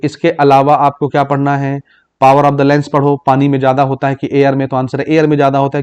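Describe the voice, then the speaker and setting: A man's voice: a little high, darkish tone. A man teaching an exam-prep physics lesson, mixing Hindi with English terms and often checking "okay?" with his students. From Chhattisgarh, India. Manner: explains in Hindi mixed with English terms, repeating "ठीक" to check understanding; reads English exam questions slowly aloud.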